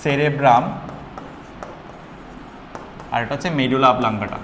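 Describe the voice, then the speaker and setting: A young man teaching a biology class, repeating terms slowly and quizzing his students. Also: medium pitch, a bit bright, a little hiss or hum. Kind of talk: classroom lecture. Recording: echoey room, faint ambience.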